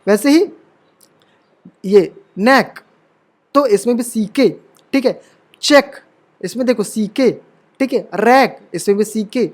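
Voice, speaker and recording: A man's voice: sits high, slow, long pauses. A man from India teaching English spelling in an online lesson. He explains step by step, repeats each rule and example, and keeps asking whether the students follow. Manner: explains step by step with many rhetorical questions and constant "okay?" check-ins; repeats words and examples over and over.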